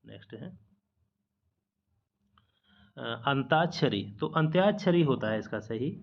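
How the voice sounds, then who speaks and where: A man's voice: mid-range voice, expressive, takes it slowly, vocal fry, muffled recording. A man teaching a spelling lesson from slides, patiently repeating each correct word and mixing English words into his explanations. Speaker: exam-prep teacher.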